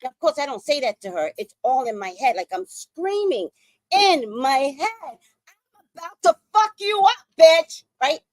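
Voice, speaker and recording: A woman's voice: high voice, big pitch swings, unhurried, no echo. A woman in her sixties telling a story in a casual, profane, dramatic way as a podcast host. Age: 60s.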